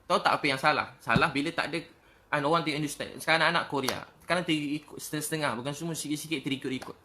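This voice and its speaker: A man's voice: fairly high pitch, fairly even intonation, rapid-fire, noisy background. A man with a Malaysian accent giving an earnest, emotional sermon talk as a preacher, repeating his phrases over and over.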